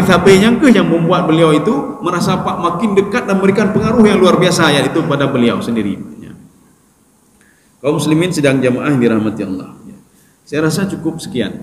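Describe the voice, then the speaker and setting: Fast-talking preacher in an echoey hall. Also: male voice, animated. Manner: conversational, addressing listeners as "Pak"; acts out dialogue with sharp pitch jumps. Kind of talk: sermon. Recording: echoey hall with faint ambience.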